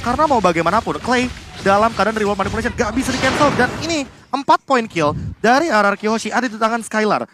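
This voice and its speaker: A man's voice: high voice, lively intonation, fast talker, background noise. A man with an Indonesian accent giving emphatic, explanatory esports analysis as a co-commentator.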